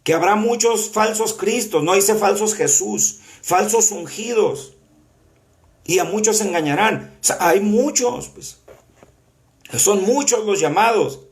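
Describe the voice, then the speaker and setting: A male preacher with a slightly high-pitched voice teaches a Bible class. He talks earnestly and conversationally, weaving scripture quotes in with frequent fillers and false starts. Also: measured pace. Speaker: apostle teaching a prophetic school class. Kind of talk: sermon-style Bible teaching.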